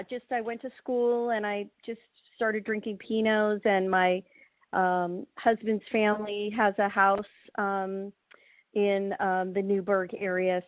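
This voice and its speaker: A woman's voice: medium pitch, no echo. Woman winemaker from hawaii, chatty, lots of ums, thin phone-ish sound. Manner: relaxed, many ums and restarts. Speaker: winemaker guest. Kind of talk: casual interview chat. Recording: thin phone-like line, dry.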